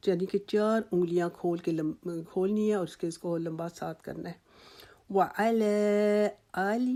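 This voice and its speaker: A woman with a lowish, mellow voice gives a calm recitation lesson. She draws out each example word slowly before explaining it. Her tone stays patient and reassuring throughout. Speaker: Quran recitation teacher. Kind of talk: slow instructional tajweed lesson.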